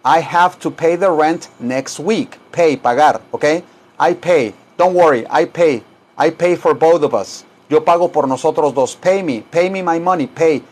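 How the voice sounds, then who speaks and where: An older man from Guanajuato with a Mexican accent, teaching English to Spanish speakers in a chatty, joking way and repeating phrases slowly. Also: a little high.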